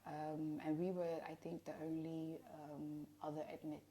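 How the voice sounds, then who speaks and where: Mellow, low-voiced woman. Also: little pitch movement, unhurried, a little hiss or hum. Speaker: interview guest. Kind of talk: candid conversational interview.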